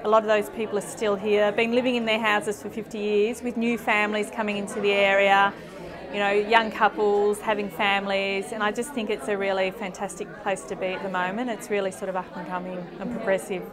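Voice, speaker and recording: An Australian woman from Melbourne answers thoughtfully and pauses on hesitant ums. Her voice is mid-pitched, and a crowd of people can be heard clearly behind her. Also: little pitch movement. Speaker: local parent. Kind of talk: vox pop interview. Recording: street crowd noise behind.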